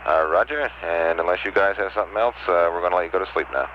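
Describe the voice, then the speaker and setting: A man working as capsule communicator, talking calmly and haltingly over a breaking-up space radio link with many fillers. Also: deep voice. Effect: crackly, breaking-up space radio link. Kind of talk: terse radio exchange. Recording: muffled, hissy archival air-to-ground radio.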